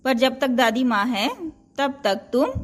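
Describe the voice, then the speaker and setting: An easygoing young cartoon husband. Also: female voice, sits high, unhurried. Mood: teasing. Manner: casual, teasing. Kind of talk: cartoon voice acting.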